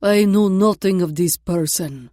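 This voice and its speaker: A woman's voice: fairly low pitch, expressive, drawn-out words, dark tone, dry recording, studio quality. A woman voicing a guarded, terse male ballet dancer with a Russian accent in an audiobook. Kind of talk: audiobook character voice.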